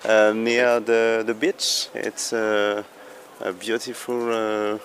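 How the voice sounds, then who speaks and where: A man giving a visitor directions, halting with many fillers. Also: fairly low pitch, level tone, fairly bright tone, slight background noise, poor audio.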